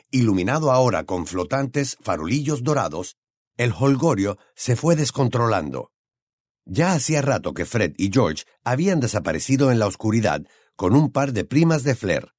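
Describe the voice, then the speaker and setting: A man narrating an audiobook in a steady, expressive storytelling manner. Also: fairly low pitch, no echo, studio quality.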